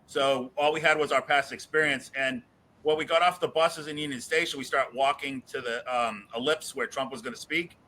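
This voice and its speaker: A man from the Boston area sits for an interview and recounts his experiences in an easy, frank and chatty way. His voice has a bright, forceful edge, and he chuckles now and then as he tells stories. His pitch sits in an ordinary middle range. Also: steady tone, moderate pace, slight background noise, poor audio. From Boston area, USA. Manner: frank, chatty, laughs through anecdotes. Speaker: interview guest. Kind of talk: casual conversational storytelling.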